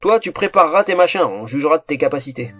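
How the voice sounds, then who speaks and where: A man's voice: on the high side, lively intonation, fast, soft background music, close to an everyday voice. A man voicing a brash, bossy woman in a fantasy tale, bawling blunt orders. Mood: brisk, bossy.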